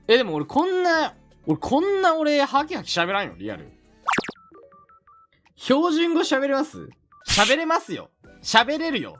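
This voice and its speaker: A man from Mie Prefecture with a Mie dialect, chatting on a casual stream in an animated, rambling, jokey way. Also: extremely high pitch, a little slow, pauses often, over music. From Mie Prefecture, Japan.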